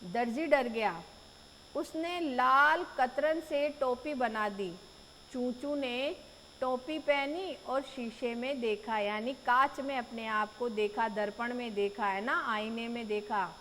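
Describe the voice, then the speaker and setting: A woman's voice: on the high side, slow, fairly bright tone. A woman teacher reading a story aloud to young children and patiently explaining words. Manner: patient, explaining, tag questions. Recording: echoey room, faint noise.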